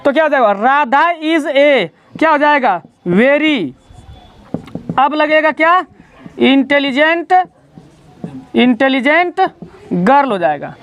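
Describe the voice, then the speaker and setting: A man's voice: very high voice, takes it slowly, long pauses, fairly bright tone, slight background noise. Male teacher quizzing his class. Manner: explains step by step, often quizzing the class. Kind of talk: classroom grammar lesson. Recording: dull lo-fi sound.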